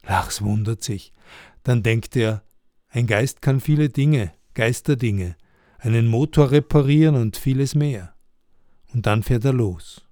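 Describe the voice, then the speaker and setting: A man's voice: mid-range voice, unhurried, dark tone, dry recording, clean studio sound. A man narrating a simple ghost story for learners in plain, short sentences.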